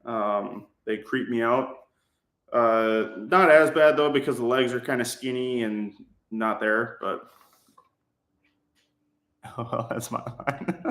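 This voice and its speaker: A man's voice: medium pitch, fairly bright tone. A man with a Minnesotan accent hosting a casual livestream from his workshop, chatting and joking while he builds a prop. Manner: chatty, jokey, often laughing. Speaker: livestream host. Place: home workshop. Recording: echoey room.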